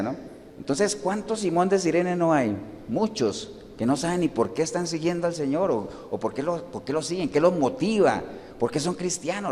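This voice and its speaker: A male pastor with a fairly high voice, preaching to his congregation. He keeps asking questions and answering them himself, and now and then acts out the voices of people in his stories. The sound carries a long echo, as in a large hall. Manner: acts out quoted voices within the teaching. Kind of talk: sermon.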